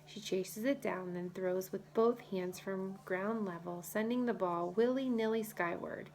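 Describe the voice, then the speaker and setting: Gravelly woman narrating an audiobook. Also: mid-range voice, unhurried, a little mellow, a little hiss or hum. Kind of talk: first-person audiobook narration.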